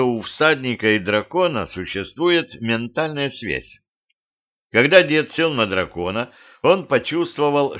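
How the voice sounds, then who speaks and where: A man narrating an amateur audiobook with a lively, expressive reading. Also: mid-range voice, muffled recording.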